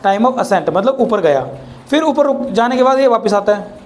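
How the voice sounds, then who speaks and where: A man's voice: very high-pitched, lively intonation, normal speed, a little mellow. Chatty male physics teacher, teasing class. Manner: chatty, teasing students with rhetorical questions.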